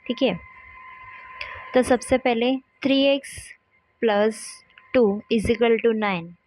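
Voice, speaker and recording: Patient woman teacher, somewhat high voice. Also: slow pace, darkish tone. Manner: patient, repeats "ठीक है" to check along. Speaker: maths teacher. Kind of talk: explaining a lesson at a board. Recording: dull lo-fi sound.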